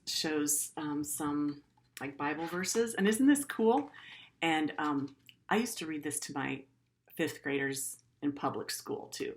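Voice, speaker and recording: A middle-aged female teacher reads a story aloud to her pupils, earnest in tone and adding simple, informal asides to explain things. Her voice sits low.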